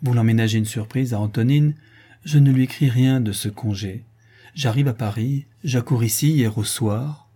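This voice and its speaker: A man reading an audiobook and voicing a remorseful young soldier making a halting confession. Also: medium pitch, warm tone, breathy edge, lightly acted.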